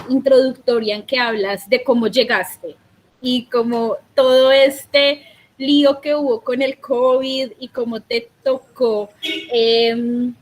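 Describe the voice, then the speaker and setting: A woman's voice: on the high side, slight background noise. Woman asking long winding questions. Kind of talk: casual interview questions.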